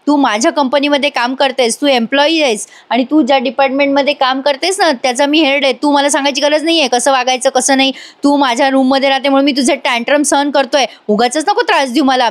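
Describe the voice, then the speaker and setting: A woman voicing an irritable young man, a strict company boss, who scolds and argues in a high voice. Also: close to an everyday voice. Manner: scolding, argumentative.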